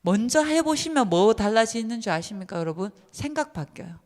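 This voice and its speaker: A woman's voice: on the high side, fairly quick. Emphatic woman lecturing in a reverberant hall. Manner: lively and emphatic, asks the audience many questions. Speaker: church teacher-seminar lecturer. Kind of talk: seminar lecture to church teachers. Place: church hall. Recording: long reverb of a church hall.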